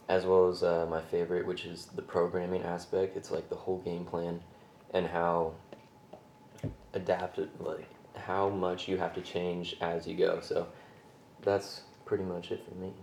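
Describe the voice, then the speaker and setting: A man's voice: deep voice, vocal fry, mellow. A man co-hosting a casual fitness podcast, slangy and loose, talking with his mouth full. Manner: casual slang, says "like" and "dude" a lot. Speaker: podcast co-host. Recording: roomy echo, faint room noise.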